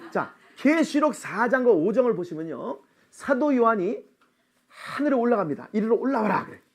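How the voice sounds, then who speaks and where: A middle-aged man preaching at a church seminar, animated and laughing often, calling out for amens. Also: extremely high pitch, moderate pace. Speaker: missionary seminar speaker. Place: church sanctuary.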